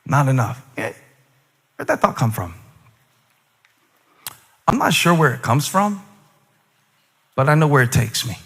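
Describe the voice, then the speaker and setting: A bright, high-pitched male voice with a husky edge preaches to a live congregation. He talks to the crowd like a friend, drops to hushed, musing asides, then climbs into loud, urgent exhortation. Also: wildly swooping pitch, a little slow, pauses often. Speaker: pastor. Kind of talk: sermon.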